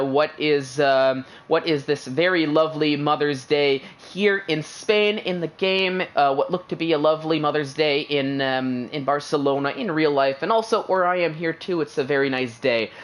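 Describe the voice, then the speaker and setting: A native English-speaking man does live play-by-play for sim racing streams as an esports commentator. His voice is on the high side and fairly bright, and his style is loose, chatty, upbeat, and heavy with filler.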